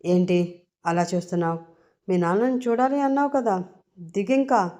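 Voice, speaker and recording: A woman's voice: mid-range voice, moderate pace, lightly acted. A woman voicing a domineering young male rowdy killer who mocks and barks orders at his captive. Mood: impatient. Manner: commanding, mocking, loud barked orders.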